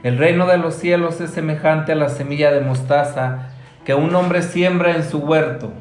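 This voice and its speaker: Priest guy reading scripture real slow, kinda high voice, big church echo. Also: fairly even intonation, faint music behind. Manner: slow, measured liturgical reading. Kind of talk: reading the Gospel and giving a homily.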